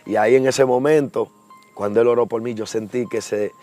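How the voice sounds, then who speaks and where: A man's voice: mid-range voice, fairly even intonation, a little fast, mellow, faint music behind. A young man giving an earnest personal testimony, acting out the voices in his story. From Dominican Republic.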